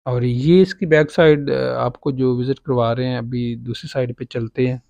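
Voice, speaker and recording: Walking outdoors on a farm, a man with a Pakistani Urdu accent shows off a farmhouse as a property agent, casual and full of fillers. His medium-pitched voice is gravelly and a little mellow, with fairly even intonation and a moderate pace. The recording is muffled and has no echo.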